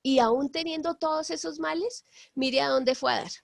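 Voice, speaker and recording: A woman tutor teaching a Bible lesson over a call, halting with many fillers and apologetic asides while she draws. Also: high voice, vocal fry, no echo, studio quality.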